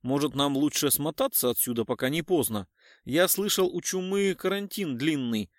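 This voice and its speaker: A man voicing an excitable, blunt male police partner who talks loud and slangy. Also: on the high side, normal speed, no echo, clean studio sound, close to an everyday voice. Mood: worried.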